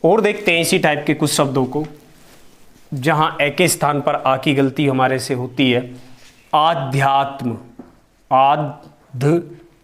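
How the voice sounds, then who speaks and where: A man teaching a spelling lesson, who asks questions to the class and answers them himself, drawing out each example word. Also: on the high side. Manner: slow and deliberate, drawing out example words. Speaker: Hindi teacher.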